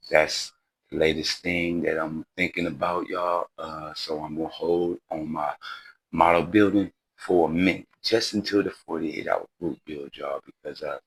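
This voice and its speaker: Man in his 40s just chillin and chatting at his hobby bench, super low husky voice, real flat delivery. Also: no echo, rough recording. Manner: laid-back, rambling, says "y'all" and "you know what I mean" often. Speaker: model car channel host. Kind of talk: casual chat to viewers.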